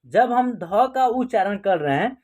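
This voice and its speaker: A woman's voice: mid-range voice, lively intonation, measured pace, a little mellow. A woman teaching an online class, explaining step by step and asking questions that she then answers herself.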